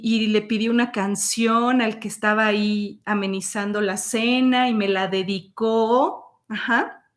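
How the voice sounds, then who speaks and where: A woman telling a personal story as host, acting out quoted dialogue with sudden high peaks.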